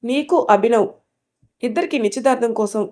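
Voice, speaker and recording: A woman voicing an affectionate, decisive middle-aged father in a spoken story, calm and fond in manner. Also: fairly high pitch, fairly quick, lightly acted.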